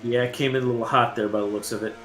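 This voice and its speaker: A man's voice: medium pitch, fairly even intonation, fairly bright tone, a little hiss or hum. Laid-back male co-commentator in an echoey room. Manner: laid-back and joking, halting with repeated words. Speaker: color commentator. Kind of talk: sim racing commentary.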